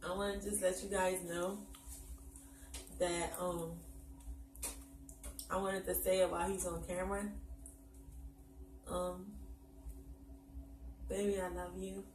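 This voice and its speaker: A woman chatting casually on camera about the meal she cooked, soft-spoken and affectionate. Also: fairly low pitch, level tone, slow pace, long pauses, recorded from a distance, a little hiss or hum. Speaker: vlogger. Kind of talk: casual mukbang chat. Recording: echoey room, voice from off-mic.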